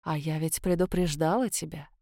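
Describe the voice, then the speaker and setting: A woman voicing a sardonic female ghost of a dead woman, speaking low and mocking, in an audiobook. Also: fairly even intonation, normal speed, warm tone, no echo, clean studio sound. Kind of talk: audiobook character voice.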